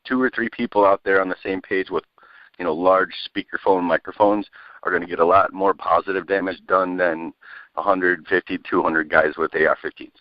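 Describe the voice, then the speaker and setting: A man in his thirties hosting a conference call, talking in a quick, loose, joking way. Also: low-pitched, steady tone, no room sound, muffled recording. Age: 30s. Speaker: call host. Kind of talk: casual conference call chat.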